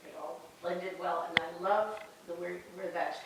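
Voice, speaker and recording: A woman's voice: on the low side, fairly even intonation, a little slow. A woman hosting a casual walk-through home tour, gushing with compliments like an estate agent. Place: indoors, walking through a house. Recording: roomy, echoey sound with background noise.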